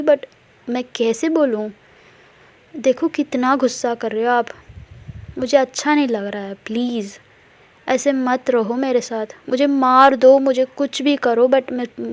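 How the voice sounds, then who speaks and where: A woman's voice: a little high, darkish tone, close to an everyday voice. Woman voicing a pleading apologetic young wife. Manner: pleading, apologetic, mixes English words. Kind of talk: casual retelling of a love story.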